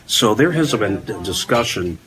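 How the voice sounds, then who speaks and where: A man's voice: lowish voice, animated, moderate pace, crowd noise, poor audio. A man working as a local news reporter, explaining a story conversationally in an unscripted discussion.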